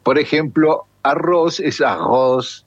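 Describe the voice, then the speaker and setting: A man's voice: mid-range voice, animated, moderate pace, slightly rough, no echo, muffled recording. A man co-hosting a radio show, reading listener messages in a chatty way. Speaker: radio co-host.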